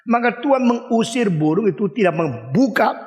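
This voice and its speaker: An older man preaching a lively sermon, asking his listeners questions and acting out the people and animals in his story. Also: high voice, moderate pace. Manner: animated, acts out voices and dog barks, asks the audience questions. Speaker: pastor. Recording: long hall reverb.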